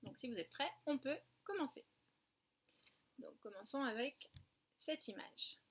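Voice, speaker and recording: A woman kindergarten teacher giving a home video lesson to young children, with slow, patient instructions, counting aloud and repeating words. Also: sits high, expressive, slight background noise.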